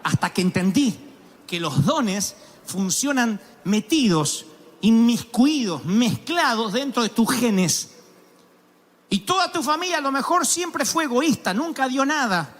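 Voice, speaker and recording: High-voiced preacher, animated. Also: male voice, unhurried. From Argentina. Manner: animated, storytelling with sudden exclamations and mimicked voices. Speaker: pastor. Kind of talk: sermon. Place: large church auditorium.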